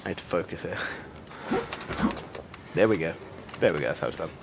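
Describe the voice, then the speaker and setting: A man's voice: sits low, animated, fairly quick, vocal fry, very noisy. A man giving casual, joking gameplay commentary as a streamer, chatty and self-deprecating with lots of fillers. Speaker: game streamer.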